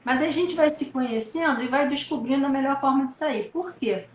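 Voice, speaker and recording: A woman's voice: high-pitched, brisk, slight background noise. Woman doctor host in an echoey room. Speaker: doctor hosting a live stream. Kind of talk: live-stream conversation.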